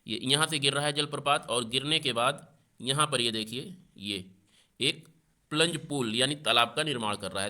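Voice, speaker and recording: A man teaching a geography lesson for exam preparation, explaining slowly and repeating the key points for his students. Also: mid-range voice, bright, forceful tone.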